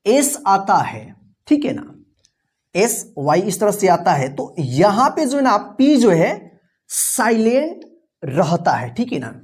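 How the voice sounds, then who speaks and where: A woman's voice: medium pitch, darkish tone. A woman teaching an English vocabulary lesson. She spells words out letter by letter, asks the learners questions and patiently repeats each answer and its meaning. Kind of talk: classroom-style vocabulary lesson.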